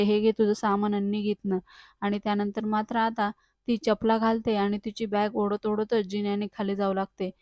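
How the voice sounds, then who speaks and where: A woman narrating a serial recap in a steady, matter-of-fact way. Her pitch barely moves, giving an even, monotone telling. The sound is dry and close, with no room echo. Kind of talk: casual storytelling recap.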